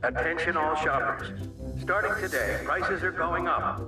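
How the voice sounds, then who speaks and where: A man playing a store announcer, his voice heard over a store loudspeaker as he calls out to shoppers in a slow, formal way. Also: fairly high pitch. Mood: announcing. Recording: echoey, distant PA sound with music.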